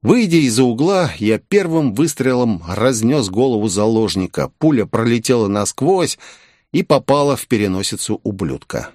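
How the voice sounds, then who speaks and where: A man narrating an audiobook in a middle-pitched, curt voice with a cold, commanding edge. The recording is dry and close, with no room sound. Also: lively intonation, normal speed, darkish tone, dry recording.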